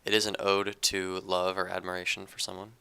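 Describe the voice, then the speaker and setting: Man, young adult, monotone, hesitant, creaky, very clear. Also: brisk. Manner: subdued, low-energy and monotone; hesitant, with fillers and restarts. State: recovering from an illness. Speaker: poetry channel creator. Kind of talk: casual talk to camera, then poetry reading.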